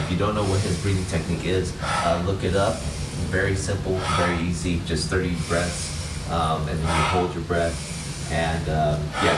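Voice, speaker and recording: A man chatting casually to camera, giving tips and cautions in a halting, informal way. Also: low-pitched. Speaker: guest sharing challenge tips. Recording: distant mic, echoey, noisy surroundings.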